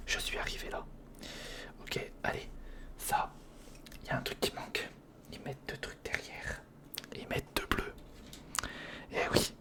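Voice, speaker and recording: Hesitant muttering to himself mixes with chat aimed at the viewer as a man whispers a casual, improvised ASMR build-along. He's the video's host, and his voice stays breathy and mostly voiceless.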